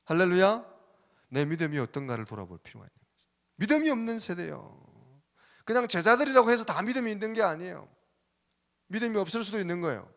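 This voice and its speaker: A man's voice: high voice, sing-song, racing, a bit bright. Preaching male pastor in a reverberant church. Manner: preaching with rising, exclaiming emphasis. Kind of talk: sermon. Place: church sanctuary.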